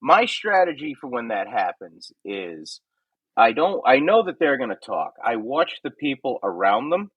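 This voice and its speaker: Man, comedian podcast host, husky voice, lively swinging pitch, dry close sound. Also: measured pace, no room sound, dull audio. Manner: animated storytelling, swearing, acts out crowd exchanges. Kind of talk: casual chat.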